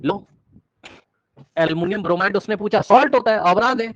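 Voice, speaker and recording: High-voiced man teaching an online class. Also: dry recording. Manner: energetic, repeats words rapidly to prod students; coaxing questions to the class. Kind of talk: live online class lecture. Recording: dull, dry online-class audio.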